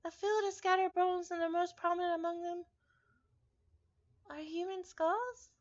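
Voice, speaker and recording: A woman with a very high-pitched voice reads a visual novel aloud at a measured pace, her intonation fairly even and the highs cut off. She plays it up in a theatrical, playful way and keeps breaking off for chatty asides and casual reactions.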